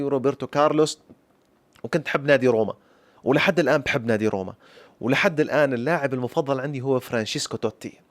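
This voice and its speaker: Rapid-fire Syrian storyteller man. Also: mid-range voice, no room sound. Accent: Syrian Arabic. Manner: lively folk-tale storytelling with repeated flourishes addressed to listeners. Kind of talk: personal story told to camera.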